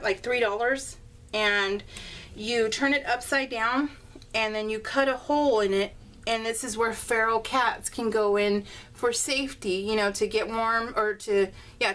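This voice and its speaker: An American woman hosts a homemade craft vlog, chatting casually in real time in a rambling, giggly, conversational way. Her voice is fairly high and fairly bright. The mic sits slightly distant, with faint room noise.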